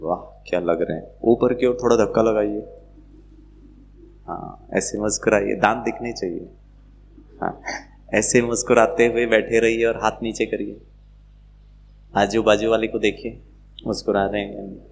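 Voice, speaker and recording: A man giving a playful, animated spiritual talk to a live audience, acting out quoted voices. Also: fairly low pitch, moderate pace, vocal fry, pauses often, slight background noise. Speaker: spiritual speaker.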